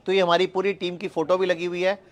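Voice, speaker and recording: A man's voice: high voice, level tone, fast. A man giving an explanatory health talk to the camera from a hospital campus, restating each point in simpler words. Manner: explanatory, repeats points with "yani ki". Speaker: health speaker.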